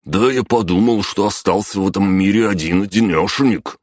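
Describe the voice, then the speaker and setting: Rough deadbeat dad, pushy and wheedling , played by the male reader, dry close sound. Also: on the low side, brisk, darkish tone, no room sound, pitched above the performer's own voice, close to an everyday voice. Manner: pushy, wheedling, rising to panicky. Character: rough, begging deadbeat father, middle-aged man.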